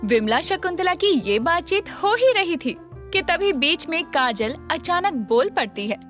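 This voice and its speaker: A woman narrates a storybook tale in a high, animated voice that rises and falls freely. Faint music plays under her narration. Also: measured pace.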